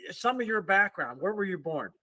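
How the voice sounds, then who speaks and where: A man's voice: high voice, big pitch swings, a little fast, bright, forceful tone, rough recording. A man hosting a podcast, asking questions and throwing in joking asides. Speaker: podcast host. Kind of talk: conversational interview.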